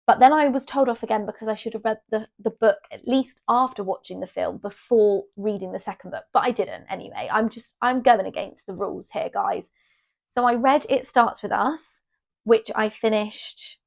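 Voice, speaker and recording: A woman's voice: mid-range voice, moderate pace, vocal fry. A young woman chatting casually to her camera as a vlogger, rambling and restarting her sentences. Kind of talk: casual chat. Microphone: small mic on her.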